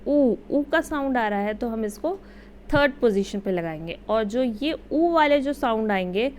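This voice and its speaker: A young woman gives a relaxed shorthand lesson, talking slowly and patiently. Her voice sits a little high, with a faint hiss of background noise. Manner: slow, patient explaining. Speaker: shorthand teacher. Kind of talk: casual Hindi-English lesson.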